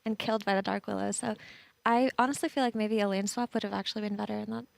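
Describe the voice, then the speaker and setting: A woman's voice: mid-range voice, fairly even intonation, quick pace, vocal fry, no echo. A woman on an esports panel analysing a match, out of breath and chatty, repeating words as she thinks aloud.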